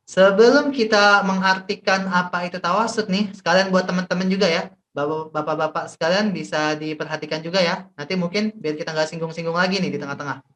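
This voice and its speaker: A man's voice: high-pitched, steady tone, fairly bright tone. Indonesian man, recitation teacher on a video call, patient and repetitive, lots of fillers. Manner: explains slowly with many fillers and repetitions. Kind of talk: online tajwid class.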